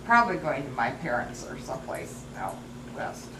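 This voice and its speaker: With a rumbling low voice, big pitch swings and a moderate pace, a grandmother looks back on the past in old age. She shares family stories casually, rambling from anecdote to anecdote, in a roomy and clearly noisy home recording.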